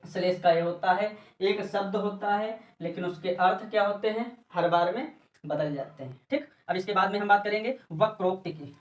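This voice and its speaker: A man teaching exam-prep grammar, explaining patiently through repeated examples and calling his students brother and dear children. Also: high-pitched. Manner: sometimes sings example lines slowly. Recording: echoey room, voice from a distance.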